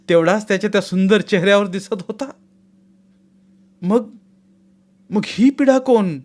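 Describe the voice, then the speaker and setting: A man's voice: sits high, pitched above the performer's own voice. A man doing a frightened young bride.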